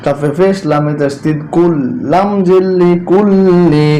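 A man teaching Quran reading, spelling out each syllable slowly and then reciting the verse in long drawn-out tones. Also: high voice, fairly even intonation, warm tone, a little hiss or hum, low-quality recording.

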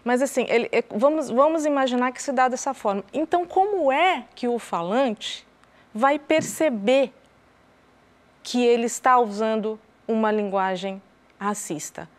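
Woman host asking questions, kinda high voice, hesitant, lots of restarts. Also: measured pace. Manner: thoughtful, hesitant, many restarts. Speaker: interviewer. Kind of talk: educational conversation.

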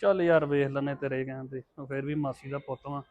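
A man playing a fast-talking, cautious elder cousin. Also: medium pitch, fairly even intonation, a little mellow, natural voice. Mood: worried. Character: worried elder male cousin, gentle and cautious. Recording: tinny lo-fi sound, dry.

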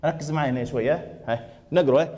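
A man with a Libyan Arabic accent teaches a math class in a fairly high, very fast voice with a darkish tone and a big-room sound. He quizzes students and repeats back their answers.

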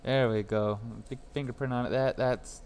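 A man's voice: medium pitch, steady tone, moderate pace, a little mellow, a little hiss or hum. A young man chatting casually with viewers on a live stream while repairing a phone at his workbench, rambling and laughing as he goes.

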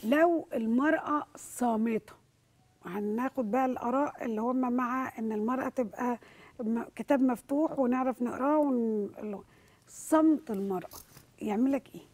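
This Egyptian woman hosts a television panel discussion. Her voice is mellow and a little husky, and she moves the conversation along by putting questions to each guest. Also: on the high side, brisk. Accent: Egyptian Arabic. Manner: moderating, posing questions to the panel. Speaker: talk show host.

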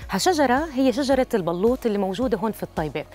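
Fast-talking young woman TV host. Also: a little high, animated, mellow, faint music behind. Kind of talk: field reporting and interviewing. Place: outdoors.

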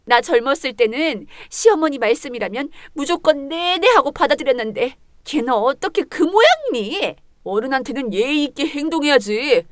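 A woman's voice: sits high, lively intonation, moderate pace, few pauses, no room sound. A woman voicing a scornful, scolding mother-in-law. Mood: complaining. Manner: scolding, belittling, sharp. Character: harsh, scornful older Korean mother-in-law. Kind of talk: dramatized story reading.

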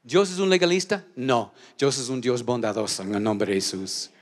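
A male pastor preaching a sermon in a church auditorium, leading call-and-response and swinging from shouted lines to low asides. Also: big pitch swings, normal speed.

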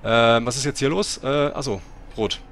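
A man's voice: medium pitch, normal speed, a bit bright, slight background noise. A middle-aged man hosting a bus simulator let's play, chatting and breaking into sudden swearing rants. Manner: swears and rants in angry outbursts.

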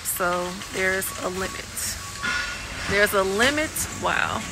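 A Californian woman with a medium-pitched, expressive voice speaks slowly while vlogging on her phone, held at arm's length, first in a car and then through a large warehouse store. She gives chatty running commentary on her shopping walkthrough, repeating items as she spots them. The rough phone audio carries loud music and heavy store noise behind her.

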